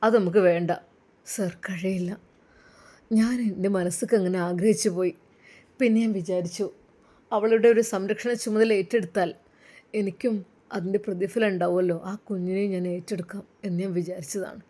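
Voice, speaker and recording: A woman voicing a heartbroken young male police officer who pleads in a low, sobbing voice. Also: steady tone, moderate pace, warm tone, natural voice.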